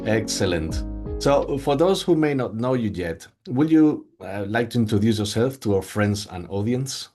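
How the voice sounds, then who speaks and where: A man's voice: fairly low pitch, lively intonation, moderate pace, darkish tone, faint music behind. A man hosting an interview, asking formal, brief questions. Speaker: interview host.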